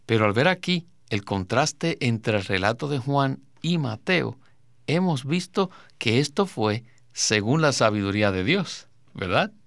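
A man hosting a Bible study program, reading scripture aloud in a measured way. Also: medium pitch, very animated, gravelly, fairly bright tone, dry recording, clean studio sound. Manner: measured, reads verses aloud. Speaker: radio Bible program host.

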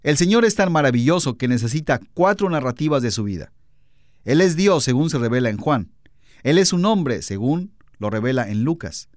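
Male co-host, steady explainer of scripture, mid pitch, dry studio sound. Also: moderate pace, no echo. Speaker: co-host of a Bible program.

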